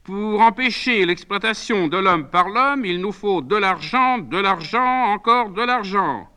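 A fussy, excitable old man hosting a crush of guests, as a man reading his play acts him out. He urges and pleads loudly in a very high, crisp voice. The style is dramatic stage reading. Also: measured pace, full character voice. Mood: declaiming. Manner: urgent, loud pleading to a crowd.

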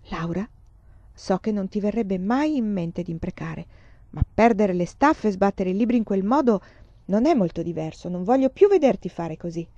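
A woman reading aloud, voicing a strict but caring pioneer mother in a quiet, measured, firm way. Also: mid-range voice, expressive, no echo, lo-fi sound, close to an everyday voice. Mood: stern.

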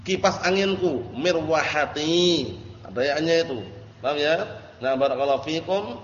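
A man's voice: a little high, a little fast. A man teaching an Arabic grammar lesson in a classroom, patiently checking that his students understand. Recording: echoey lo-fi classroom recording.

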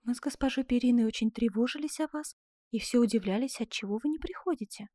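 A gentle young noblewoman in love, voiced by a woman reading the book. Her voice sits high and lifts when she pleads, tender and earnest. The sound is dry and close, like a storybook recording. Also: quick pace, dry recording, lightly acted. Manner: tender, pleading, sometimes breathless. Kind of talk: audiobook character reading.

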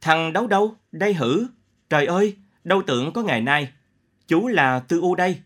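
A man's voice: on the high side, lively intonation, normal speed, breathy edge. A man voicing a bitter one-eyed peasant. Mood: overwhelmed. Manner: loud, emotional outbursts.

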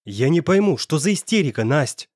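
Brief: insistent young lover in an audiobook, voiced by a man, emphatic and animated. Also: fairly high pitch, moderate pace, no echo, clean studio sound. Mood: angry. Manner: pressing, emphatic. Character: possessive young man, hot-tempered and insistent.

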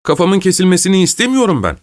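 A man voices a frightened, insistent male prisoner who keeps pleading in a raised voice. The character's voice is a little high and animated at a moderate pace, pitched above the performer's own voice yet close to an everyday voice.

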